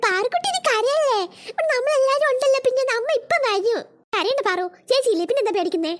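A woman's voice: very high-pitched, lively intonation, fast. A woman voicing a comforting cartoon big sister. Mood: reassuring. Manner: reassuring, comforting. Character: caring big-sister girl, reassuring. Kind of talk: cartoon voice acting.

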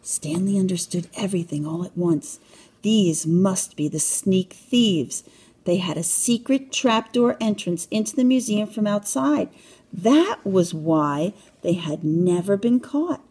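A woman reading a children's storybook aloud in a calm, even narration. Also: mid-range voice, measured pace, husky. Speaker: children's book reader.

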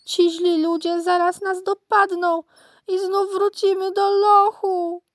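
A woman voicing a frightened little piglet in a children's audiobook, high and slow, wailing. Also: level tone, dry recording, clean studio sound.

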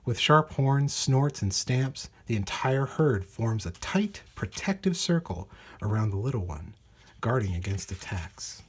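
Reading a children's nature book aloud, a man speaks at a middling pitch with a breathy, husky texture. He shapes every sentence with care, narrating for young listeners, and his intonation stays lively.

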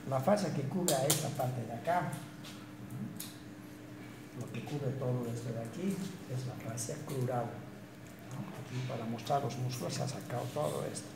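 A man's voice: mid-range voice, creaky. A man lecturing on anatomy at a dissection, explaining step by step and often checking in with his students. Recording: echoey room with noise.

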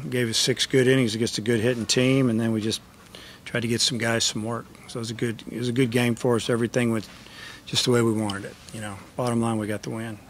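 A middle-aged college baseball head coach with a mid-range voice answers questions at a post-game press conference, speaking matter-of-factly with lots of fillers. He talks into a table microphone in a press room with a sponsor backdrop, and there's slight background noise.

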